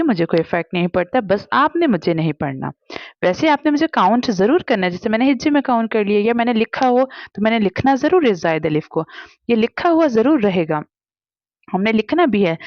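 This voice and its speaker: A woman's voice: fairly high pitch, darkish tone, no room sound, muffled recording. Woman teacher patiently spelling out Arabic letters. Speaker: Quran reading teacher. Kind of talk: step-by-step spelling lesson.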